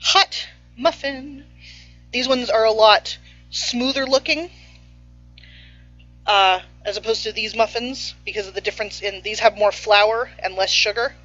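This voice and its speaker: Playful woman host, chatty kitchen banter, bright voice, slightly dull recording with faint music. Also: fairly high pitch, measured pace, long pauses, no echo. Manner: chatty and playful, talks with her mouth full. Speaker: baking show host. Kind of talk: casual cooking stream. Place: home kitchen.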